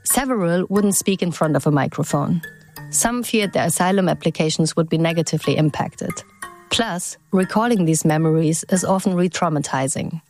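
A woman reporter giving scripted news narration in a measured, even way. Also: lowish voice, faint music behind.

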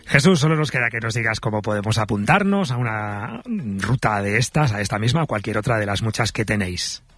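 A male radio host with a slightly husky voice puts curious, friendly questions to his guests and laughs easily between them. The sound is dry and close, like a studio microphone. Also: lowish voice, animated, a little fast, fairly bright tone, no room sound. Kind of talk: radio interview and chat.

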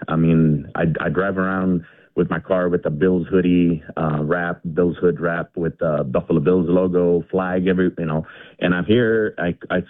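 A middle-aged man from India phones in to a radio show, his voice low and deep. He rambles casually, full of fillers and restarts. The line is tinny and narrow, with a dry sound. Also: dry recording. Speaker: caller. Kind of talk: casual call-in chat. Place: home garage.

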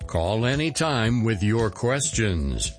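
A man reading a recorded station promo as a radio announcer, with a deliberate announcer delivery that comes through as AM radio broadcast sound. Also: on the low side, big pitch swings, faint music behind.

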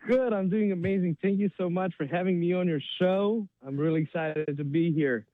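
A native Romanian-speaking man from Romania, with a high-pitched voice at normal speed, tells his story casually and eagerly as a guest in an interview. It's animated personal storytelling, recorded dry with the thin, phone-like sound of a remote call.

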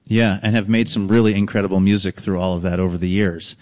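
A man's voice: sits low, steady tone, quick pace, a little mellow. Male host, live theater recording with long reverb; chatty, meandering interviewer. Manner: chatty, rambling questions with fillers. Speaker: radio show host. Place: theater stage before an audience.

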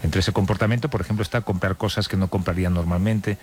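A man's voice: deep voice, fairly even intonation, fast talker, darkish tone. A man hosting a casual radio chat, bantering and stumbling through restarts. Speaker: radio host.

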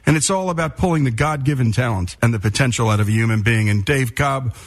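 A man from northern New Jersey, with the accent to match, hosts a radio interview show and enthusiastically talks up his guest in a scripted intro. His voice is mid-range and his pace quick.

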